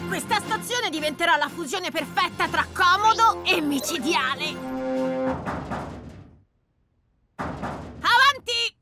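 Woman as bratty little boy villain, smug, commanding, very high voice, cartoon dub, loud music. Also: expressive, takes it slowly, long pauses, heavily acted. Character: small bratty boy villain genius, smug gang boss.

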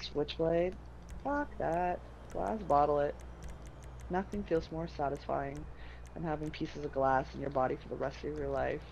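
A woman's voice: low voice, fairly even intonation, unhurried, gravelly, a little mellow, highs cut off, slight background noise. A young woman from Canada chatting casually while playing a game, laughing often, teasing and swearing freely. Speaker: gamer. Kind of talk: casual gameplay chat.

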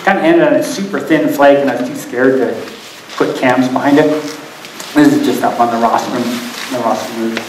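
A man's voice: mid-range voice, normal speed, background noise. An older man giving a live slideshow talk, rambling and self-deprecating, often laughing through his stories. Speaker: presenter at a climbing event. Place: event hall with live audience. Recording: echoey hall audio from far off.

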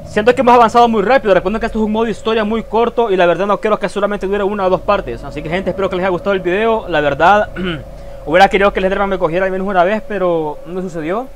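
A man with a rather high voice narrates his horror game playthrough as live commentary. He is excitable and swears freely, calling out to his viewers as he plays. A faint hiss of noise sits under his voice. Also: fast. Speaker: gaming YouTuber. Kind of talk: let's play commentary.

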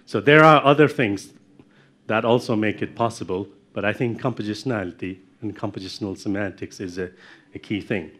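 A man's voice: fairly low pitch, brisk, fairly bright tone. A middle-aged man giving a university lecture, explaining step by step and putting questions to his audience in a lecture room.

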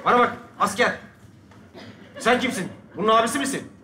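A man playing a gruff, commanding gendarme in a stage sketch comedy. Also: extremely high pitch, a little fast, a loud crowd, very noisy. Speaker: comic actor playing a gendarme. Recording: live stage with loud audience, echoey hall.

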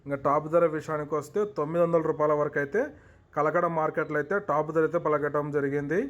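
A man's voice: on the high side, little pitch movement, fast, muffled recording. A man with a South Indian Telugu accent hosting an informational market price report, listing figures methodically in repeated set phrases with some English mixed in.

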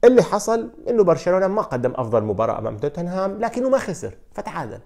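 A man with a Levantine Arabic accent hosts a football countdown, rattling off stories at a breakneck clip. His voice sits in a mellow, darker register, and he keeps an animated storytelling flow peppered with fillers. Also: high-pitched, rapid-fire, creaky. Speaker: sports video host. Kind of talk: energetic football countdown commentary.

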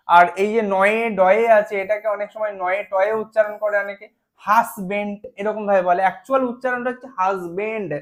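A man teaching a spelling lesson, explaining patiently step by step, slowing down to spell words out and often checking "right?". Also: high-pitched.

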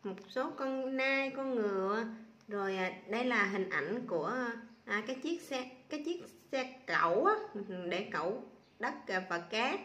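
A woman teacher spelling out sounds and syllables aloud slowly for young children in a reading lesson. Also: a little high, lively intonation, a bit bright. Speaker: primary school teacher. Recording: echoey room.

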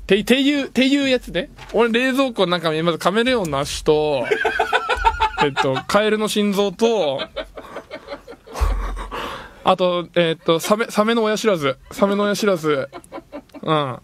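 Radio host, male, bright high voice with a big swinging range, playful grumbling, casual studio chat. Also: expressive, moderate pace, a little hiss or hum. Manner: joking, laughs often, complains playfully.

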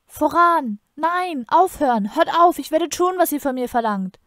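A woman's voice: mid-range voice, fast, darkish tone, no echo, studio quality, natural voice. A woman reading aloud and voicing a young male warrior, earnest and urgent, who cries out in anguish. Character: young male warrior-assassin, torn and desperate.

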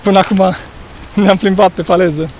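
Vlogger, man, high voice, relaxed trail chatter, faint outdoor noise. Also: poor audio. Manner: relaxed, chatty, talks while hiking. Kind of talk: casual hiking chat. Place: outdoors on a forest mountain trail.

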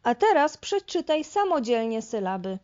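A woman speech therapist leading a reading lesson, sounding out syllables slowly and deliberately with careful articulation. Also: fairly high pitch, very animated, darkish tone, muffled recording.

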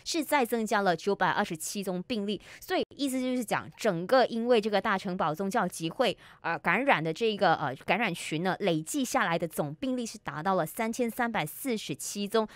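A woman's voice: medium pitch, expressive, fairly quick, hardly any pauses, dry recording. A woman co-hosting a radio news show, explaining the news in a chatty way with friendly asides. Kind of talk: conversational news discussion.

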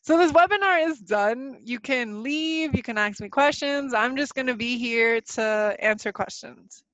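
A young woman hosting a webinar Q&A, a little nervous and halting, with a slightly sick voice. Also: fairly high pitch, a bit bright, no echo. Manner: nervous, halting, many fillers and restarts. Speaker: webinar presenter. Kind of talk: live webinar presentation with Q&A. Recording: dull, lo-fi dry webinar audio.

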